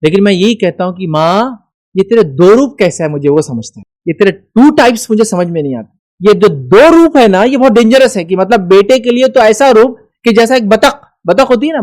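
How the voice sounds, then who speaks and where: Emphatic high-voiced male preacher. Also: a little mellow. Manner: emphatic, rhetorical questions. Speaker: Islamic speaker. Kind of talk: religious lecture.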